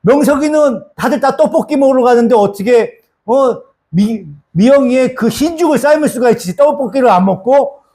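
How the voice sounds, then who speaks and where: Male pastor, high-pitched voice, conversational sermon, rhetorical questions. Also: normal speed, few pauses, dark tone. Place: church sanctuary.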